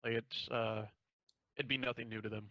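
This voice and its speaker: A male game master narrating a tabletop fantasy game, mid-pitched and casual. His talk rambles and he swears freely. The sound is close and dry. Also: little pitch movement, normal speed, bright, forceful tone, no room sound, poor audio.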